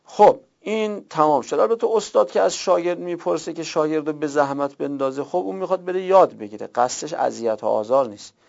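A man with a gravelly, creaky voice lectures a class, explaining each point patiently, repeating key words and flagging what is new. The recording sounds dull and lo-fi. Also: on the high side, few pauses, a little mellow. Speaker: teacher of Arabic morphology.

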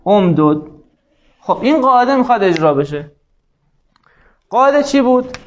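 A man with a high voice teaches a grammar lesson, turning the rules into little conversations with the letters. He slows right down to spell out word forms one by one and to dictate each rule. The recording sounds dull and muffled. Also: very animated. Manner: acts out dialogues with the letters, voicing them in quotes.

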